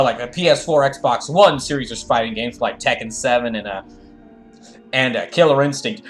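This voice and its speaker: On a gaming livestream, a man does a live fandub of a game and reads chat, rambling casually and repeating phrases as he thinks aloud. His voice is medium-pitched and a bit bright, with game music in the background.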